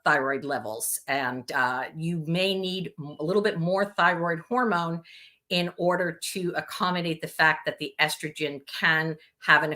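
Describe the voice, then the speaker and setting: A woman's voice: sits low, bright, forceful tone. A middle-aged woman answering viewer questions in a live Q&A, explaining things step by step with frequent ums and uhs.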